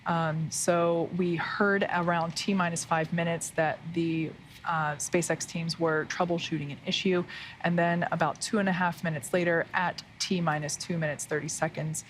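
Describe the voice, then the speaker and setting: Female broadcast commentator, lowish voice, halting plain explanations, faint noise behind. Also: level tone.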